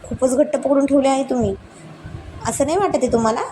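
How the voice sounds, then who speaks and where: A woman voicing a bashful young woman in love, pleading and gently scolding. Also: high-pitched, quick pace, a little hiss or hum, voice pushed up, lightly acted. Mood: shy, pleading.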